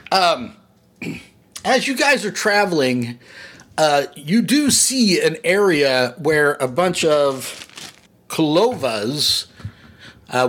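A man narrating as game master of a tabletop game, relaxed and rambling with many pauses and fillers. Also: on the high side.

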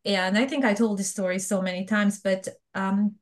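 A woman's voice: mid-range voice, fairly even intonation, normal speed. Bosnian-accented woman telling her story. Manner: frank, chatty storytelling. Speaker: guest, fraud professional. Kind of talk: casual interview talk.

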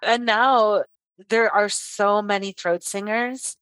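A middle-aged woman from Canada, a throat singer chatting as a guest in an interview, lively and quick to laugh. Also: medium pitch, no room sound. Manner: lively storyteller, laughs often. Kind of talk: casual interview chat.

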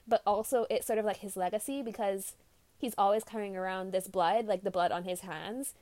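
A woman's voice: mid-range voice, no echo. Young woman, giggly book-podcast co-host, dry close mic. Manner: giggly, animated, quick to laugh. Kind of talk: casual book discussion podcast.

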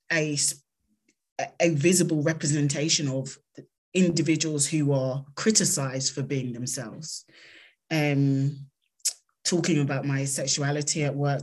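A woman with a South London accent answering interview questions in an earnest, measured, conversational way. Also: low-pitched. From South London, England. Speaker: interview guest, consultant.

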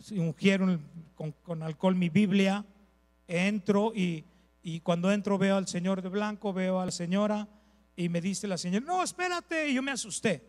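A man, a pastor preaching a sermon with lively storytelling, repeated phrases and asides to the congregation. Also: sits high, moderate pace, long reverb tail.

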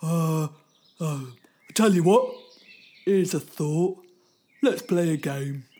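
A woman's voice: low voice, slow, mellow. A woman voicing a sly, scheming male wolf in a children's story, wheedling and hesitant.

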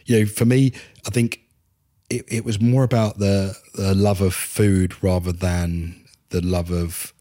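Deep-voiced Essex man in his forties. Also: level tone, unhurried, dark tone. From Essex, England. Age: 40s. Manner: conversational, peppered with "you know". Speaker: podcast guest, chef consultant. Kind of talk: casual interview chat.

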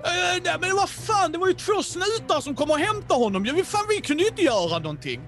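En gäll, livrädd gängmedlem som svär och vädjar i falsett, som en spelledare gör rösten. Rösten ligger högt och spänt över hans vanliga tal, med svag musik i bakgrunden. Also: male voice, sing-song, a bit bright, faint music behind, full character voice. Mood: panicked pleading. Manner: shrill, swearing, pleading. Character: panicked male gang thug, cursing and terrified.

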